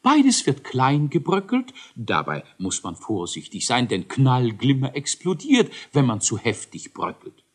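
A man's voice: medium pitch, wildly swooping pitch, measured pace, voice pushed up. A man voicing a nervous, fussy male dwarf scientist who whines and hesitates in a children's audiobook. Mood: lecturing. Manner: whiny, fretful, hesitant. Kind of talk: audiobook character voice.

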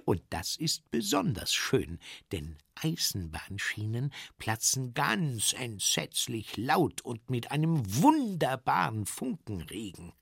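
A man reads a children's story aloud with a wildly animated, swinging delivery. His voice is bright and gravelly, with a husky edge, and he takes his time. The sound is close and dry. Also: no echo. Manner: very expressive, dramatic swings in pitch.

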